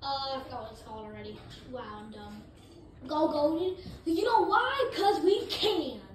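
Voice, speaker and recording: A woman giving excitable live gameplay commentary, jumping between hyped shouts and low mumbles. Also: moderate pace. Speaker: gaming video creator. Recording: roomy echo with faint noise.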